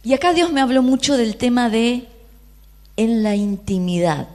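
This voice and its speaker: A woman's voice: on the high side, moderate pace. A woman with a Rioplatense Argentine accent preaching a sermon, often asking the audience questions and briefly voicing the people in the story. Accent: Rioplatense Spanish. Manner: lively, questioning the audience, acting out quoted voices.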